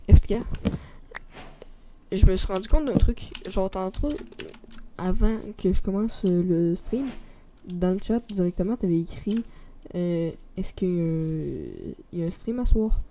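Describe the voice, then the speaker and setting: A woman's voice: mid-range voice, animated, measured pace, warm tone, slight background noise. A woman with a Québécois accent streaming a video game, chatting informally and in a rambling way straight to a viewer. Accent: Québécois French. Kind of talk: casual live stream chat.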